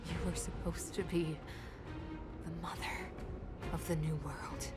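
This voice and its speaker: A woman playing a cold, imperious ruler and mother in a video game, delivering a grandiose, booming villain monologue. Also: takes it slowly. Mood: cold disappointment. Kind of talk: scripted video game drama acting. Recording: loud game music underneath. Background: dramatic game music.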